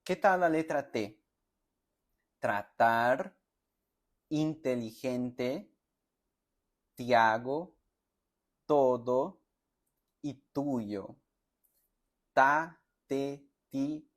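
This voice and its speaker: Man, language teacher, pronunciation drills, very slow careful delivery, mid-pitched. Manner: slow, deliberate, sounds out words and syllables for repetition; friendly, addresses students directly with check-in questions. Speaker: Spanish teacher. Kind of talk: pronunciation lesson for learners.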